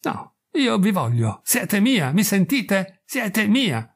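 A man's voice: fairly high pitch, normal speed. A man voicing a possessive, angry frontier man who makes hard demands in a storybook reading. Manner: forceful, possessive.

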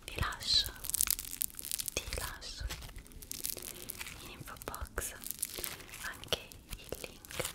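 A young woman in her twenties doing whispered ASMR, softly and very close to the microphone, right in your ear. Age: 20s. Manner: slow, soft, unhurried delivery. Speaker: ASMR host. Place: small quiet indoor room. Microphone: large studio condenser microphone inches from the mouth. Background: crunchy slime crackling and crinkling.

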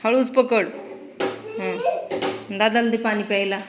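A woman's voice: a little high, sing-song, measured pace, background noise. A woman with a Marathi accent, a vlogging mother, casually and patiently telling her children what to do. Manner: coaxing, gently instructive with children. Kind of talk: casual family vlog talk.

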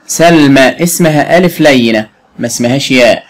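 A man with an Egyptian Arabic accent teaching a young pupil, spelling out words slowly and quizzing her as he goes. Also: mid-range voice. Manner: slow, clearly spelled out words with frequent quiz questions. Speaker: primary school Arabic teacher. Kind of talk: patient classroom explanation to a young pupil.

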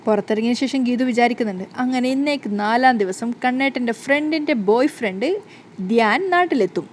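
Woman narrator, casual story recap, chatty, fairly high voice, faint background noise. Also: fairly quick. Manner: chatty retelling, strings scenes together with fillers. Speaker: narrator retelling a TV serial.

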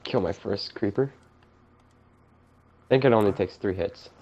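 Gravelly, low-voiced joking gamer guy. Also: takes it slowly, warm tone, muffled recording. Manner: teasing, jokey banter. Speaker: let's play gamer. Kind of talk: casual gaming chat.

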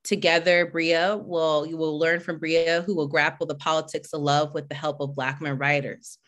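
A woman with a low-pitched voice hosts an online event over a video call. She chats casually as she greets attendees by name, then shifts into a steadier introduction of the organization. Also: little pitch movement, moderate pace. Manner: warm, chatty greetings, reading names from the chat. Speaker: host and executive director.

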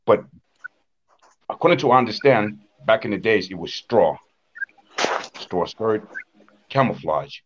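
Deep-voiced Honduran-born man on video call. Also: expressive, unhurried, long pauses, dull audio, slight background noise. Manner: plain storytelling with frequent "uh" and "according to what I understand". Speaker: invited speaker on Wanaragua dance. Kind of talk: online conference talk. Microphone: webcam on video call.

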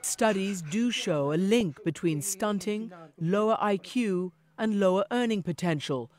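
A middle-aged woman correspondent giving a measured, earnest scripted news narration. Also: medium pitch, darkish tone.

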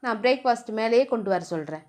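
A woman voicing a gruff but caring young husband in a storybook reading, speaking in clipped, lowered commands. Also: expressive, quick pace, a little mellow, close to an everyday voice. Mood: tender.

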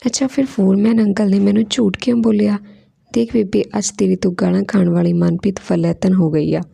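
A woman voicing an affectionate young mother who talks earnestly, with a gravelly, mellow voice. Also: mid-range voice, steady tone, brisk.

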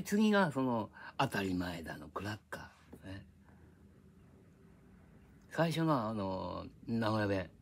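An older man, reminiscing in a rambling, gruff casual monologue recorded on an iPad. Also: medium pitch. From Japan. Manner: reminiscing, drifting between tangents, gruff casual speech. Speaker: vlogger.

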